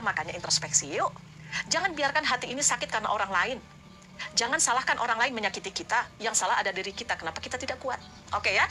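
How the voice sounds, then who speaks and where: A woman's voice: high voice, bright, forceful tone. A woman trainer giving a live morning reflection talk with prayers, speaking earnestly and repeating her points while addressing listeners as friends. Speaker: motivational trainer.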